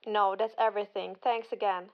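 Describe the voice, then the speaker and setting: A woman's voice: medium pitch, steady tone, a little fast, highs cut off, lightly acted. A woman playing a friendly office employee who calls the help desk in a matter-of-fact way during a scripted support call. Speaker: caller.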